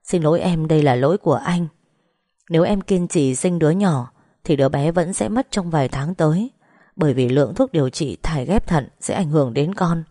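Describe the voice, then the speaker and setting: A woman voicing a tender, remorseful young man who pleads gently and apologetically. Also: low-pitched, a little fast, dry recording, clean studio sound.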